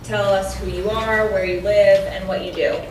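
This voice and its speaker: A woman's voice: mid-range voice, level tone, normal speed, recorded from a distance, a little hiss or hum. A woman interviewer directing a recorded interview, encouraging and chatty, with many fillers. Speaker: interviewer and producer. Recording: roomy, off-mic with faint ambience.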